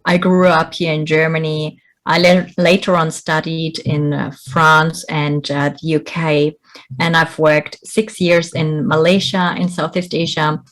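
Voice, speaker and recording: A middle-aged woman from Bolivia, an executive coach giving earnest, encouraging interview answers. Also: sits low.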